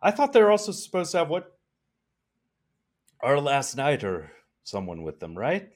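A man's voice: a little high, moderate pace. An exhausted man co-hosting a music review podcast, chatting casually and rambling with lots of "like.". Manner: relaxed, rambling with many "like" fillers. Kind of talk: casual chat.

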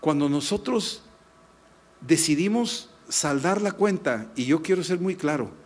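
A middle-aged man with a Mexican Spanish accent, preaching a sermon and telling a personal story in a lively, emphatic way. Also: fairly high pitch. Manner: lively, shifts between animated anecdote and slow emphatic teaching. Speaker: pastor.

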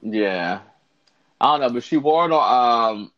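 A man's voice: mid-range voice, expressive, measured pace. A man casually reviewing fashion looks as co-host, sassy and blunt with campy slang, in a lo-fi recording. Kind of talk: casual chat, commentary.

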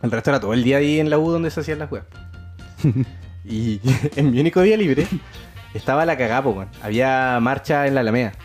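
A man's voice: mid-range voice, fast, soft background music. A young man with a Chilean accent telling a story in a casual chat, full of slang and acted-out outbursts. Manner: animated storyteller, heavy slang, acts out scenes with loud outbursts. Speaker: podcast co-host.

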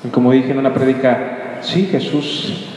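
Male preacher from yucatán, mellow voice, big echoey church far from the mic. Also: mid-range voice, normal speed, a little hiss or hum. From Yucatán, Mexico. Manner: animated, questions the congregation. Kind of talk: sermon.

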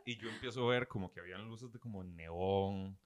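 A man's voice: low-pitched, brisk, crowd noise. A young man in his twenties with a Costa Rican accent, telling a rambling story in casual chat full of slang and filler tags.

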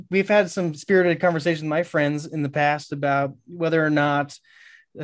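A man's voice: fairly high pitch, no echo. A man hosting a podcast interview in a friendly, casual way who laughs easily. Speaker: podcast host.

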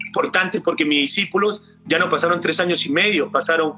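A man's voice: a little high, brisk. A middle-aged man with a Peruvian Spanish accent giving an earnest faith testimony as a church cell leader, often addressing his pastor. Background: soft guitar music.

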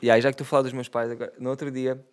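A man's voice: mid-range voice, little pitch movement, rapid-fire, a little mellow. A young man with a European Portuguese accent, ranting profanely and comically in a casual monologue.

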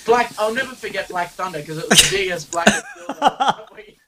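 A man's voice: high voice, expressive, a little fast, noisy background. An Australian-accented man, a DJ guest on a podcast, chatting casually and telling anecdotes.

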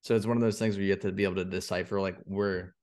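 A man's voice: low-pitched, fairly even intonation, rapid-fire, darkish tone. A young man co-hosting a podcast in casual chat, laughing often and acting out his friends' voices. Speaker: podcast co-host.

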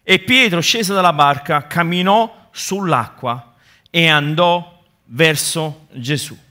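A man preaching a sermon to his congregation, his tone bright and forceful. He builds momentum through repetition and slips in friendly asides to the listeners. His voice sits slightly above the usual pitch for a man. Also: slow pace. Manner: impassioned preaching with repeated rhetorical build-ups; addresses the congregation directly with asides. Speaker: pastor.

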